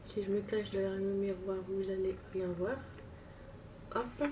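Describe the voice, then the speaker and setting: Woman beauty vlogger, self-mocking and relaxed, casual tutorial talk; distant mic, noisy room. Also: mid-range voice, a little slow. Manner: chatty, self-mocking, talks while working. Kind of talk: casual makeup tutorial chat. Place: home, at a makeup table.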